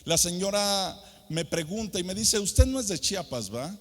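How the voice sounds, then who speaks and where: A man's voice: sits high, lively intonation, normal speed, a bit bright. A middle-aged man from San Luis Potosí with a Mexican accent, a pastor preaching a sermon to young people with sung emphasis and rhetorical questions. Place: large hall at a youth conference. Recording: long hall reverb.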